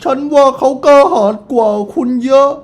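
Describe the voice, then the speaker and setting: A man's voice: very high-pitched, fairly even intonation, normal speed, pitched above the performer's own voice. A man voicing an old widowed woman in a game, reading her lines in a dramatic, mournful way. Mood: proud, wistful. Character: old widowed woman, proud of brave late husband.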